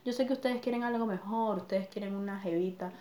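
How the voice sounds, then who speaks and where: A woman's voice: mid-range voice, fairly even intonation, brisk, roomy sound, very noisy. A woman, tipsy from wine, chatting bluntly and swearing as she lectures. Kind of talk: casual chat.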